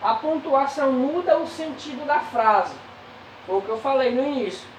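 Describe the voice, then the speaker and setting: A Brazilian woman teaching a grade-school class, pausing with drawn-out fillers between phrases. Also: high-pitched, far from the mic, a little hiss or hum. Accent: Brazilian Portuguese. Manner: slow, hesitant, many drawn-out fillers. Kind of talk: recorded remote lesson. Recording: echoey room, voice off-mic.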